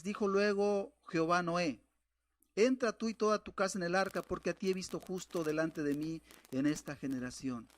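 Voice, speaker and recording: A man preaching a sermon, reading scripture aloud and addressing the listener directly, swinging from loud exhortation to hushed warnings. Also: sits high.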